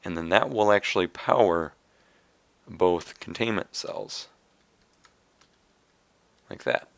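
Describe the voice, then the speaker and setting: Hoarse from coughing, a young man makes a casual screen-recorded game tutorial, relaxed and explaining step by step while pausing on fillers. His low voice is raspy and a bit hoarse but sounds smooth and close, captured by a dry desk mic with no room sound or echo.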